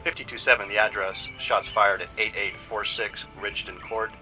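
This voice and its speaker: Dispatcher on police radio, deep-ish and dead level, all clipped call codes. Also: male voice, normal speed, faint music behind, low-quality recording. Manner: flat, clipped dispatch delivery, repeats the address. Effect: police radio broadcast.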